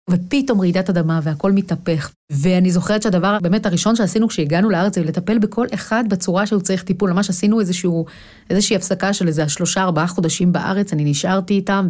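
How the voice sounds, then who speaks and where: A woman's voice: mid-range voice, darkish tone. A woman in her thirties, a guest telling an emotional personal story in a vivid, dramatic way, acting out her own cries. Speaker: guest, Chabad emissary.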